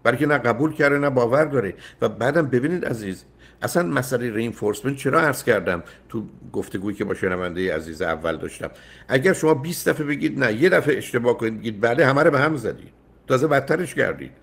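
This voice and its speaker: A man's voice: medium pitch, expressive, creaky, a bit bright, husky. An older man hosting a call-in advice show, emphatic and often cutting in with repeated no's. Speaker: radio psychologist host.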